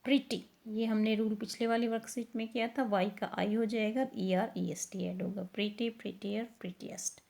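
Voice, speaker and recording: A woman, teaching a grammar lesson step by step. She asks questions and answers them herself, and reads the English sentences slowly. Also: mid-range voice, fairly even intonation, gravelly, darkish tone.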